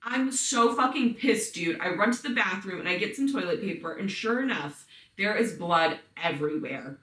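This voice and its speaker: A woman's voice: mid-range voice, expressive, moderate pace, a bit bright, far from the mic. A woman hosting a podcast, reading listener stories aloud in casual story-time style, blunt and profane with chatty asides. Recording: roomy sound, voice set back from mic.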